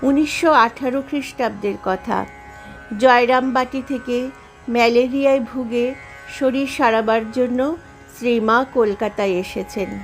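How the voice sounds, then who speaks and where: A woman reads a devotional book aloud in a slow, careful storytelling voice. Her tone is slightly high and reverent. Soft devotional music plays faintly behind her. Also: fairly even intonation.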